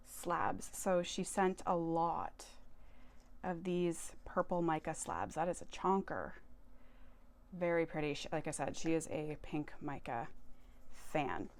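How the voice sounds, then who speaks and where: Slow, low-voiced woman showing crystals. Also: a little mellow. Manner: chatty, enthusiastic, trails off and corrects herself. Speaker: tarot and crystal vlogger. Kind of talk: casual show-and-tell haul.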